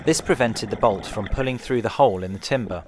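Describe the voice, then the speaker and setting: A man with a fairly low voice narrates a guided tour. He is calm and measured, explaining each point as a museum guide would. Noticeable watery background noise runs behind his scripted delivery. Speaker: tour guide narrator of a shipwreck dive trail.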